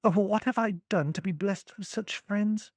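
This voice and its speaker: A man's voice: sits high, normal speed, dry recording, voice pushed up. Grateful young woman, as a male reader voices her.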